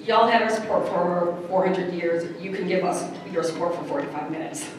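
A playful woman moderates a convention panel, joking as she runs things. She is heard from well back in a big, very echoey hall. Clear background noise sits under her voice. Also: lowish voice, fairly quick, distant mic. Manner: playful, joking, laughs often. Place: large echoey convention room.

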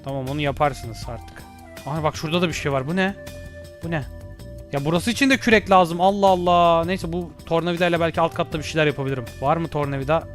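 A young man playing an escape game, chatting to himself and yelling when he gets chased. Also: a little high, fast talker. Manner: excitable, yells and shrieks when chased; talks to himself and to game characters. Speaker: gaming YouTuber. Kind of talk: playing a horror escape game live, casual chat. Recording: faint game music behind.

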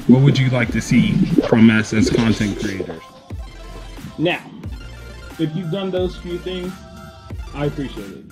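A young man vlogging from his home kitchen, chatting casually and relaxed to the camera, laughing at himself now and then. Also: mid-range voice, low-quality recording. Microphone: camera on a counter, close. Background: background music.

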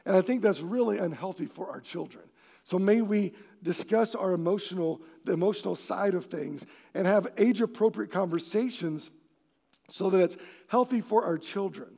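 Animated high-voiced male pastor preaching. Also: moderate pace, vocal fry. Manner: animated, acts out quoted voices and shouts for emphasis. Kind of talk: sermon. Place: church sanctuary.

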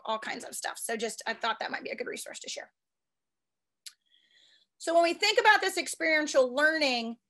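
A woman who is a statistics professor giving a quick, eager conference talk with frequent restarts. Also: high voice, pushed and bright. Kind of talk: fast conference presentation.

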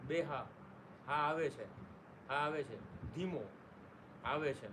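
A man's voice: fairly high pitch, takes it slowly. Chatty man hosting a live stream. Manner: greets viewers by name, chatty and joking. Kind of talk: casual live stream chat. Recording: noisy room ambience.

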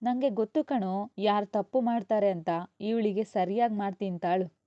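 A woman voicing a sharp-tongued young mother who scolds loudly, in a dull, dry recording. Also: fairly even intonation, moderate pace, no room sound, natural voice. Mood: scolding. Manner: scolding, loud and high.

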